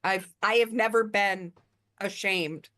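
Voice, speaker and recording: Woman player, measured and slow, describing her character's actions. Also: medium pitch, fairly even intonation, bright, forceful tone. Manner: slow and deliberate.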